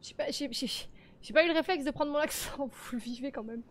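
Woman streamer muttering to herself, noisy background, kinda high voice. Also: a little fast. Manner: casual, thinking aloud. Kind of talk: live-streamed game role-play.

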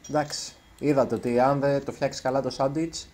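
A man's voice: mid-range voice, fairly even intonation, a little mellow, a little hiss or hum. Nervous chatty man commentating a game. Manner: chatty, self-conscious, trips over words. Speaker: gaming YouTuber. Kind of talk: let's play commentary.

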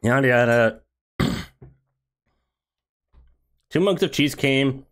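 A man's voice: medium pitch, takes it slowly, fairly bright tone. A man who streams games, reading a game story aloud with sarcastic asides.

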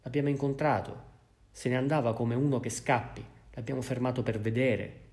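A man's voice: mid-range voice, fairly even intonation, a little fast, darkish tone, close to an everyday voice. A man doing a stern gendarme sergeant. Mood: reporting.

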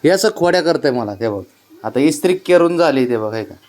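A man's voice: fairly high pitch, expressive, brisk, a little mellow. A man, coaxing his pet cat in baby talk and repeating words as he pleads and scolds it tenderly.

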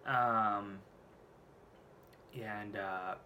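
The voice is a man's, fairly low, steady and sharp, but extremely slow. He's a vlogger in his late twenties nursing a head cold and a scratchy throat, speaking candidly and rambling with plenty of swearing, filmed on a desk camera in a small room at home.

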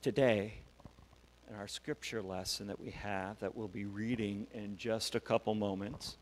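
Male pastor, children's sermon, animated storytelling, reverberant sanctuary, faint hum. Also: on the low side, measured pace. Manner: animated, acts out the voices in the story. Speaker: pastor giving a children's message. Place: church sanctuary. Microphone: wireless mic.

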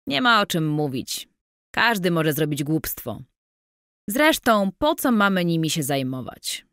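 Woman reading as a drunk guest, clumsy then pushy, low slurred murmur, slow. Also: big pitch swings, a bit bright, no echo, studio quality, full character voice. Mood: awkward.

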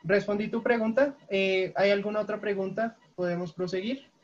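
A woman's voice: medium pitch, steady tone, moderate pace, slight background noise. A woman teaching an English class over a video call, explaining grammar patiently and checking often for questions. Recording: lo-fi online call audio.

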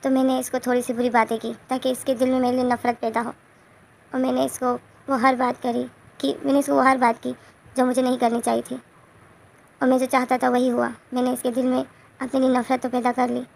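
A woman's voice: high voice, flat delivery, brisk, creaky, darkish tone, slight background noise. Woman reading a remorseful confessing father. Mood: regretful. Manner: confessional, regretful.

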